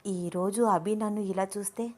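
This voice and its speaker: A woman's voice: medium pitch, steady tone, moderate pace, a little mellow, lightly acted. Woman voicing an eager stylish young woman.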